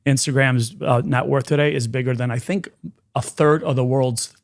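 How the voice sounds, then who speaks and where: A man co-hosting a podcast, telling animated business stories with quick restarts. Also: medium pitch. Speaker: podcast co-host. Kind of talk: casual podcast chat, storytelling.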